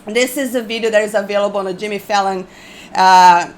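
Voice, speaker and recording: A woman's voice: medium pitch, fairly even intonation, brisk, slight background noise, rough recording. A woman giving casual reaction commentary as the host of a video.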